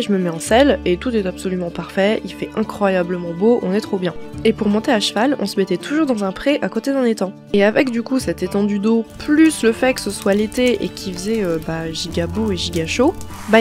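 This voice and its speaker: Woman, chatty slangy storytelling, middle pitch, loud music underneath. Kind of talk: casual storytelling.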